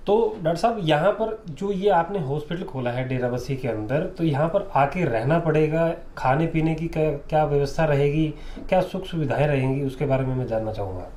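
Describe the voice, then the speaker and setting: A man's voice: a little high, expressive, a little fast, few pauses, mellow. A man interviewing a doctor, asking polite, presenter-style questions. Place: hospital. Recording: roomy with faint background noise.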